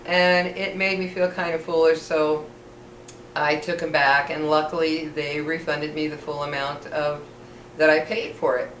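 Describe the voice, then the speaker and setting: A middle-aged woman with missing teeth that soften her F sounds, telling casual, rambling, self-deprecating personal stories to camera. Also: sits low, flat delivery, unhurried. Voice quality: slightly slurred speech from missing teeth, trouble with F sounds. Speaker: vlogger. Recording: echoey room, distant mic, faint noise.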